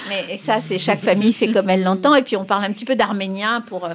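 A fast-talking middle-aged woman, Spanish by first language, responds as an expert interview guest. She keeps a steady tone overall yet speaks emphatically, with her pitch leaping up to stress key points.

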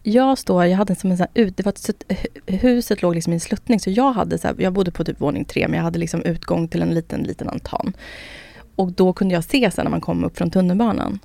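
A woman co-hosts a casual podcast chat, her voice full of gravelly fry. She rambles through stories, acting out quoted lines and swearing freely. The sound is close and dry, with no room echo. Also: lowish voice, warm tone. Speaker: podcast co-host.

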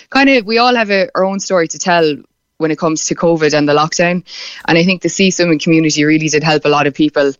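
A slightly dull, dry recording of a young woman from the west of Ireland, with that region's accent. Her voice is smooth and clear. She answers casually and chattily, like a guest in a relaxed interview. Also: deep voice, no room sound. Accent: west of Ireland (County Clare). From County Clare, west of Ireland. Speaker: interview guest, marine biologist and beach cleanup organiser.

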